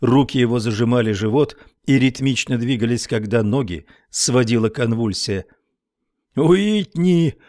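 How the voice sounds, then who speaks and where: A man narrating an audiobook in a steady, even storytelling manner. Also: medium pitch, normal speed, few pauses, no room sound, studio quality.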